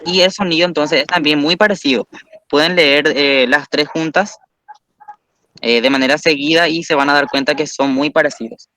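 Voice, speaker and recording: Male teacher, higher pitch, bright clear tone, patient step-by-step explainer. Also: fairly even intonation, moderate pace, dry recording. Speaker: Guarani language teacher.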